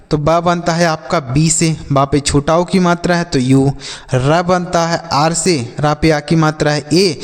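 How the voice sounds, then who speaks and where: A man, patiently teaching spelling step by step in a lesson. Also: fairly high pitch. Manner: patient, repetitive step-by-step explaining. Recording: long reverb.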